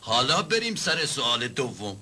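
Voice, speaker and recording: An actor playing a stern, pompous nobleman who presides as judge, pedantic and quick to demand silence. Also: medium pitch, very animated, bright, forceful tone, a little hiss or hum. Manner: pedantic, orders silence, corrects words.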